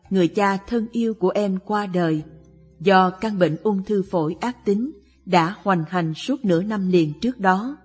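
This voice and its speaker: Slow breathy woman telling a solemn story. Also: mid-range voice. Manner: slow, measured, mournful storytelling. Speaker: narrator. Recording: long reverb with soft music behind.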